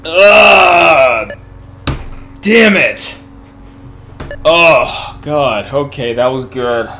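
A man's voice: mid-range voice, lively intonation, drawn-out words, pushed and bright, soft background music. A man giving horror game commentary who swears and talks to the monsters. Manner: jumpy, swears and yelps at scares. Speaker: gaming YouTuber.

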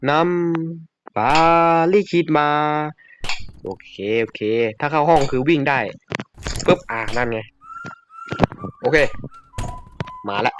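A man giving casual, excitable commentary while he plays a video game, with frequent yelps. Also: mid-range voice, noisy background. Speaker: gamer.

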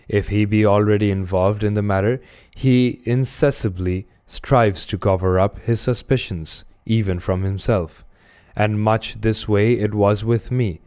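A man reading a classic novel aloud as audiobook narration in a measured, even manner. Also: lowish voice, clear, resonant tone. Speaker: reader.

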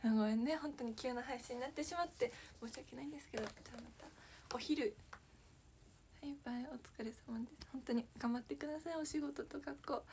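A woman's voice: high voice, fast talker, hardly any pauses, darkish tone, a little hiss or hum. A young woman idol chatting casually on a livestream, apologetic and giggly, answering viewer comments. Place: small room with echo.

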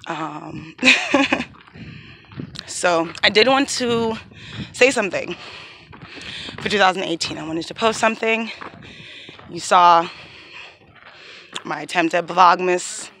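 A woman's voice: lowish voice, sharp tone. Emotional woman vlogging on a hilly trail. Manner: emotional, reflective, devout. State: out of breath from walking uphill. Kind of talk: casual walking vlog. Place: outdoor park trail. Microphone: phone held at arm's length.

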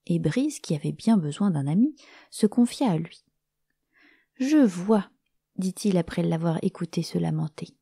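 A woman storyteller narrating a children's story in a gentle, expressive way, sometimes dropping to a whisper. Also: on the low side, normal speed, creaky, slightly rough, no echo, studio quality.

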